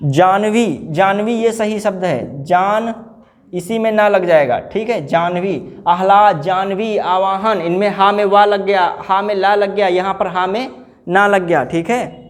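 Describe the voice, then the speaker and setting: In a measured, high-pitched voice, a male teacher takes students through exam-prep spelling, saying each word again and testing them on it. He addresses them casually as brother.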